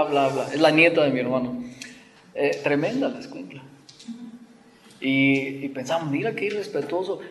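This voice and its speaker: A man preaching a sermon, telling stories in an animated way and acting out mocking voices. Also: on the high side, in a large hall.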